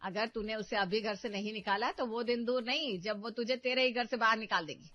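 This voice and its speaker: A woman's voice: fairly high pitch, fairly even intonation, a little fast, no room sound, highs cut off, natural voice. Woman playing a bossy scheming mother. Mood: scolding. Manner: loud, domineering, stirs up trouble. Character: scheming meddling middle-aged mother, bossy.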